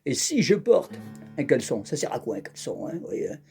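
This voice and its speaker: A man's voice: mid-range voice, very animated, fairly quick, vocal fry. A man hosting an accordion channel, chatting to camera while strumming a guitar, jokey and bawdy, peppering his talk with little fillers. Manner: jokey, chatty, keeps adding "hein" and "incroyable"; bawdy, teasing storyteller.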